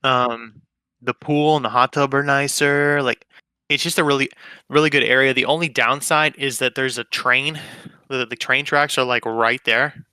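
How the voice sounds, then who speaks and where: A man's voice: medium pitch, fairly even intonation, normal speed, pushed and bright, clean tone, no room sound, studio quality. A young man co-hosting a podcast, chatting casually in a rambling, profane, laid-back way. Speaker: podcast co-host. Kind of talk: casual chat.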